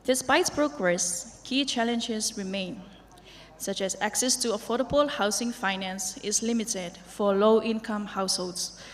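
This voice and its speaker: A woman's voice: mid-range voice, measured pace. Woman at a podium, echoing hall. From Samoa. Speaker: government representative. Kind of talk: scripted formal podium speech. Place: large conference hall. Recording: reverberant hall with background noise.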